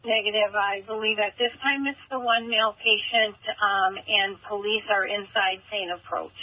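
A woman's voice: medium pitch, steady tone, moderate pace, husky, no echo. A woman working as an emergency dispatcher, giving terse updates over the radio. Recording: muffled police dispatch radio.

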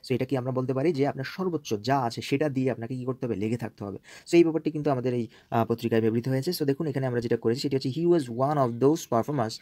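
Male teacher, mellow voice, dry close sound, slow careful reading of phrases, repeats key words. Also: mid-range voice, no room sound. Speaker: English teacher. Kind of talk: explaining newspaper English in Bengali.

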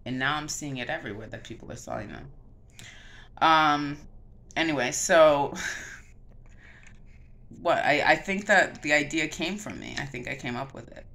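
A woman co-hosting a casual talk show, speaking insistently and deadpan as she keeps steering the talk back to her own theory. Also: low-pitched, normal speed, pauses often. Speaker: co-host. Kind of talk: casual chat.

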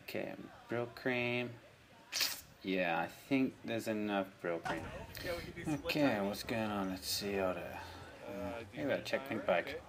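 A man's voice: fairly low pitch, measured pace, crowd noise. A man improvising a comic voice-over as commentator, with an offhand, sarcastic, muttering delivery.

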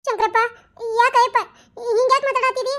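A very shrill old village mother. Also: level tone, fairly quick. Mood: pleading. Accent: North Karnataka Kannada. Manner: wailing, pleading. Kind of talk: cartoon voice acting.

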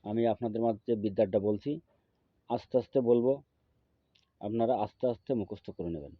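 Man from chanting spells over a phone line. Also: no room sound. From Bangladesh. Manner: slow, drawn-out chanting, louder and higher on the mantra. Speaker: folk healer teaching spells. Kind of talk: instructional talk with chanted mantra. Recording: tinny phone-like audio.

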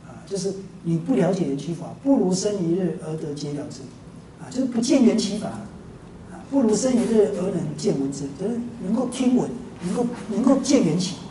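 A woman teaching a Buddhist dharma lecture, telling a story with frequent drawn-out fillers. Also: mid-range voice, big pitch swings, mellow. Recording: roomy hall, distant mic, faint hiss.

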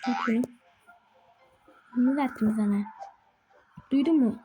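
A woman giving chatty gameplay commentary as a channel host, talking to herself and to other players and getting quickly frustrated. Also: fairly high pitch, warm tone, slight background noise.

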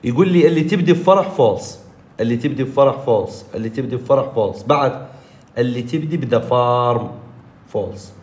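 Iraqi guy teacher going over exam answers again and again, pitch jumping up, roomy echo. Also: fast. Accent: Iraqi Arabic. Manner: repetitive, drilling key points, animated pitch jumps. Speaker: English teacher. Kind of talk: exam review lesson.

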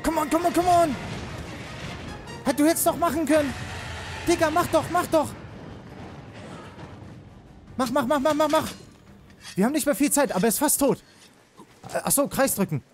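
A young man giving excitable live commentary on a game he is playing, rapidly repeating words and mixing in English slang. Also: very high voice. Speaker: let's player. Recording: game music behind.

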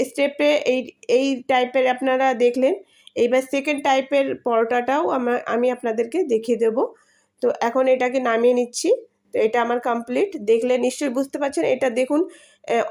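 A woman with a hoarse voice from a cold, patiently explaining a home recipe step by step in a voice-over, with frequent fillers. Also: high-pitched, darkish tone. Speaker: home cooking channel host. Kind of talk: cooking tutorial voice-over.

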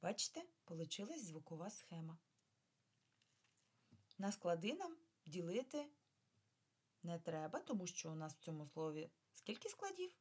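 A woman with a fairly low, breathy voice teaches young children in a remote lesson. She speaks patiently and clearly, stretching out each sound and pausing to ask the class questions. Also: big pitch swings, a little mellow. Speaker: primary school teacher. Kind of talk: remote lesson for first graders.

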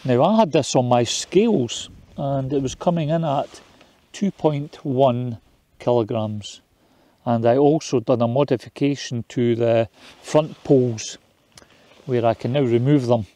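A man's voice: mid-range voice, unhurried, dry recording. A man, chatting casually and matter-of-factly in a camping vlog, speaking outdoors beside a tent and inside one at night. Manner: relaxed, chatty, matter-of-fact. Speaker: outdoor vlogger.

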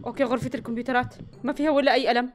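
A high-voiced Levantine woman rattles through her game commentary at great speed. She gets excited and breaks into panicky bursts of repeated words. Faint game music sits behind her. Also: racing. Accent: Levantine Arabic. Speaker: gaming channel host. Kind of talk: let's play commentary.

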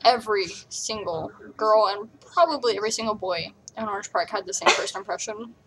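A woman's voice: medium pitch, a little fast, very noisy. A woman rambling casually in a vlog while eating and coughing, talking with her mouth full. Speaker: vlogger.

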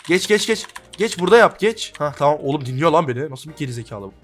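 A young man narrates his own gameplay as it happens, excitable and swearing nonstop, breaking into sudden loud outcries. His voice sits a little high for a man. Faint music plays underneath. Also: fast talker. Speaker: gaming YouTuber. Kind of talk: live gameplay commentary.

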